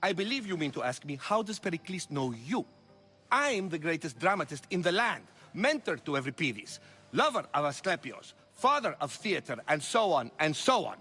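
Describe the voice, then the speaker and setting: A man's voice: fairly high pitch, big pitch swings, moderate pace, bright, forceful tone, husky, soft background music, full character voice. An actor playing a vain, pompous male dramatist in a video game. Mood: grandiose. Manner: pompous, self-admiring, grand. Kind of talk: video game character dialogue.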